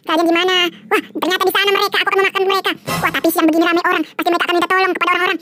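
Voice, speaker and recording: A man doing a shrill cackling ghost woman. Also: level tone, over music. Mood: greedy gloating. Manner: gloating, cackling, fast-talking. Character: hungry cackling female ghost, greedy and sly. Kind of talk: game role-play voice acting.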